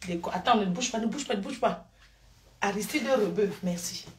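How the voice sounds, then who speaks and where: A woman's voice: medium pitch, normal speed, slight background noise. Effusive grandmotherly woman live-streaming. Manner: effusive, calls viewers endearments, drifts between topics. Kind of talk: rambling live-stream chat.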